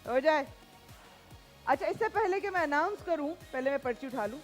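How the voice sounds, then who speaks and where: A woman hosting a prize show on a TV studio set, lively and mixing in English phrases as she directs her guests. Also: sits high, moderate pace, faint music behind. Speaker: game show host.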